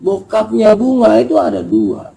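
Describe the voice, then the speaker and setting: A man's voice: high-pitched, huge pitch swings, moderate pace, creaky, warm tone. A man telling a hiking story in a casual, emotional and earnest way. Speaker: storyteller recounting a hiking experience. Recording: noisy background ambience.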